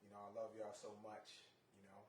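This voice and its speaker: A man's voice: fairly low pitch, a little fast, slight background noise. Rambling man on a distant, roomy mic. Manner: relaxed, rambling, many fillers and restarts. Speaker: jazz bassist. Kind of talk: casual chat between songs on a live stream.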